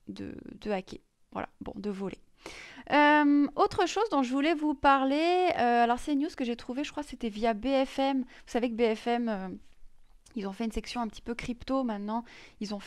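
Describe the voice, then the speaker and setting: A woman's voice: on the high side, a little mellow, clean tone, no echo. Chatty woman explaining crypto news. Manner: many fillers and restarts, chatty. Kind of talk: casual screen-share explainer.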